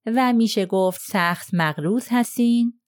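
A woman's voice: on the high side, pitched above the performer's own voice, close to an everyday voice. Woman reading as a cold, firm lawyer. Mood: probing. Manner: probing, pressing questions. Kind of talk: audiobook character reading.

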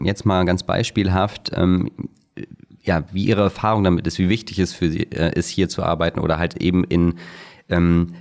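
A man's voice: low-pitched, darkish tone. A man hosting a podcast interview, asking loose questions with frequent fillers. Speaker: podcast host. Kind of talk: casual interview chat.

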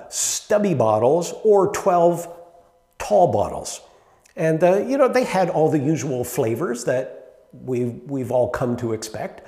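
A middle-aged man preaching a sermon in a relaxed, conversational way, with fillers and rhetorical questions to the congregation. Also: a little high. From Canada. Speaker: pastor. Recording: echoey hall with long reverb.

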